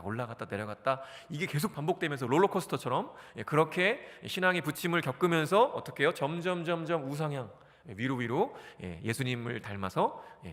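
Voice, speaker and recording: Male pastor, forties, animated sermon, bright tone, church hall reverb. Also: fairly high pitch. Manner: animated, asks the congregation questions and answers them. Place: church sanctuary.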